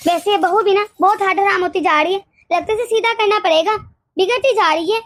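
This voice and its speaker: A woman voicing a harsh, scolding older mother-in-law in an animated story, nagging and sharp-tongued. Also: very high-pitched, brisk.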